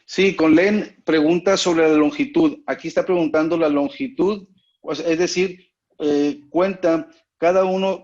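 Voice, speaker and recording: A man's voice: a little high, a little mellow. A man teaching an online class, explaining step by step and often checking that his students follow. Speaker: instructor. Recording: muffled lo-fi online call audio.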